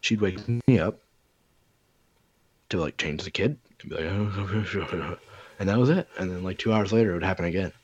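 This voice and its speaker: A man's voice: deep voice, a little fast, long pauses, dry recording, lo-fi sound. A man in a casual chat, telling stories in a rambling, profane way with lots of fillers.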